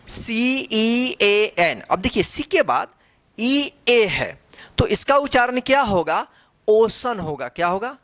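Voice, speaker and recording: A woman leads a slow, patient phonics lesson in a dry, close recording. She spells each word out letter by letter, then reads it aloud. She keeps asking and answering her own questions. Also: medium pitch, a bit bright, no room sound. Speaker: English teacher.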